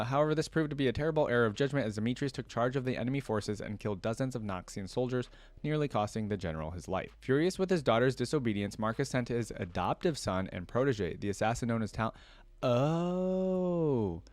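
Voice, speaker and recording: A man hosts a reaction video in a casual, chatty way, reading wiki trivia aloud and adding his own musing asides. His voice is medium-pitched, and the recording is dry.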